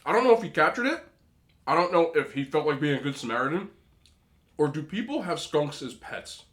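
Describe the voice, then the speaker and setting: A man's voice: on the high side, big pitch swings, a little fast, a bit bright. Casual man telling stories over a meal. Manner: eating between phrases. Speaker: host of a mukbang video. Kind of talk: casual rambling storytelling while eating.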